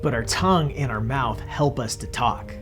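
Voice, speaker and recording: A man's voice: mid-range voice, expressive, normal speed, music in the background. A man hosting a church kids' show, explaining a lesson to children in a friendly way. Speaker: host.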